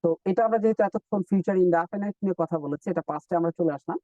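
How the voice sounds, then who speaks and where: Male English teacher, high voice, distant dull mic, dry sound; patient step-by-step drills. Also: dark tone, no room sound. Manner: explains step by step, repeats drill words slowly. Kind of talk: live online lesson.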